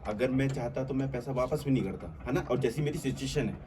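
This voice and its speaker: A man's voice: mid-range voice, fast talker. A man who earnestly talks through his thinking in a casual conversation, with many fillers. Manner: reflective, earnest, explaining at length with many fillers. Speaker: channel host. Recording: faint background noise.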